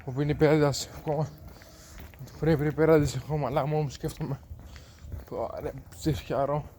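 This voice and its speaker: A man's voice: fairly high pitch, fairly even intonation. Male vlogger, casual monologue, frustrated and swearing under his breath, outdoors at dawn, heavy street noise. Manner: frustrated, swearing, muttering to himself; keeps his voice down. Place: outdoors on a cold early morning. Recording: noisy outdoor ambience with dogs and traffic.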